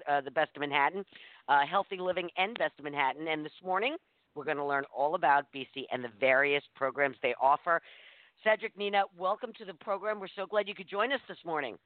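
Male radio interview host, slightly high-pitched voice, presenting to guests; narrow telephone-grade sound. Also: dry recording. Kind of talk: scripted introduction and casual interviewing. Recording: thin, dry phone-like radio sound.

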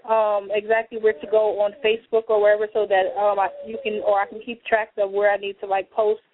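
A woman's voice: medium pitch, little pitch movement, fairly quick. A woman calling into a radio show over the phone, asking her question hesitantly with fillers. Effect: caller heard over a phone line on a radio show. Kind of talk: call-in question. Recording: tinny phone line.

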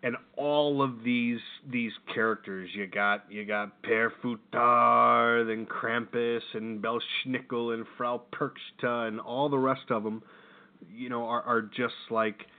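Casting: male podcast co-host, dry wry sidekick, lower-mid voice, phone-line quality. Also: little pitch movement. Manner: wry, quick affirming interjections. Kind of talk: casual chat. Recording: tinny phone-like audio.

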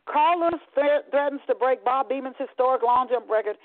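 A woman reading aloud voices an excited male TV sportscaster announcing sports news, in a raised voice. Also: high voice, moderate pace, voice pushed up, close to an everyday voice. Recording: tinny phone line, dry.

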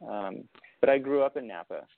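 Over a thin, dry, phone-like line without echo, a young man from Argentina chats casually as a winemaker guest in an interview. His mid-range voice has lively intonation and vocal fry, and at a moderate pace he rambles with lots of fillers and restarts.

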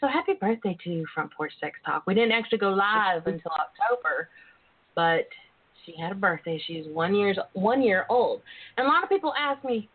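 A woman's voice: medium pitch, animated, normal speed. A woman with a Southern US accent, talking casually and candidly as a chatty, playful, folksy talk show host. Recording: tinny, phone-like internet radio line.

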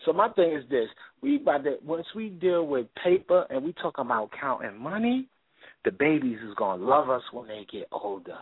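A man's voice: fairly high pitch, very animated, moderate pace, breathy edge, no room sound. A man in his thirties, a guest on a radio show, talking boastfully in profane street slang. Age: 30s. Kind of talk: casual radio talk. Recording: phone-line call-in audio.

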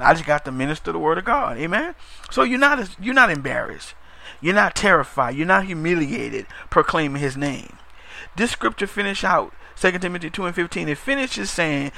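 A man with a mid-range, gravelly voice that sounds pushed and bright delivers an emphatic broadcast sermon full of repetition. He uses call-and-response, asking "Amen?", and now and then stumbles over words or drifts into fast talk.

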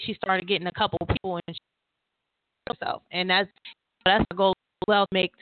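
A woman's voice: medium pitch, dry recording. Casting: a rambling, chatty woman on a tinny phone line, dry sound. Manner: rambling, restarts often, calls the listener girl. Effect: heard over a phone line. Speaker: author and publisher leading a writers' call. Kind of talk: casual call with a writer. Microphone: laptop with headphones. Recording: tinny, dry call audio.

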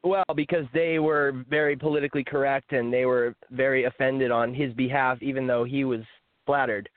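A man's voice: medium pitch, steady tone, moderate pace, no echo. A young man talking frankly as an author and guest in a casual interview, with the odd small laugh. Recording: dry, phone-like line.

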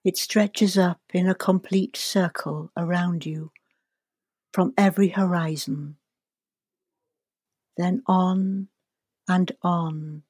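A woman guides a relaxation and visualization at a very unhurried pace. She is calm and soothing, placing each phrase deliberately and leaving space after it. The sound is close and dry. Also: lowish voice, husky, dry recording. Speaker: guest leading a guided meditation.

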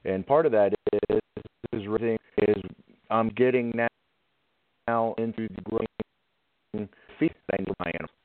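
A male caller whose line keeps cutting in and out, so his words drop off mid-phrase. He talks haltingly, repeating words between fillers. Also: lowish voice, steady tone, dry recording. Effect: choppy signal cutting in and out, words dropping off. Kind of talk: casual call-in chat. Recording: tinny dry phone line.

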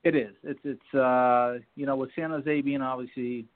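A man's voice: medium pitch, steady tone, moderate pace. A man who owns a soccer club, a guest explaining things in casual chat and often restarting his sentences. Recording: tinny phone line.

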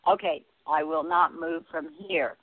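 A woman calling in to a radio show. Her voice comes through a distant, tinny phone line, as if from inside a tin can, and she talks haltingly, searching for words. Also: low-pitched, steady tone, no echo. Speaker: caller. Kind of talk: call-in radio talk.

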